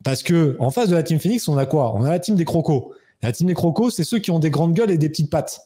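A man in his thirties telling a personal story as an interview guest, animated and acting out quoted dialogue. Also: fast talker. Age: 30s. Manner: animated, acts out quoted dialogue with raised pitch. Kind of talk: casual storytelling.

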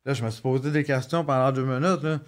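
This man talks fast in a mid-range voice, a Quebec French-accented podcast guest in his thirties. He recounts personal stories casually, cracking jokes and restarting often amid fillers.

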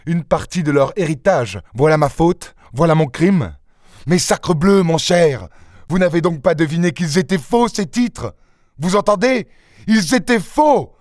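Guy doing a cocky gentleman thief, voice pushed up high, indignant and showy, audiobook. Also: expressive, moderate pace, hardly any pauses, dry recording, clean studio sound, natural voice. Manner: indignant, scornful, theatrical. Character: gentleman burglar, young man, proud and quick-tempered. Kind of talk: audiobook character reading.

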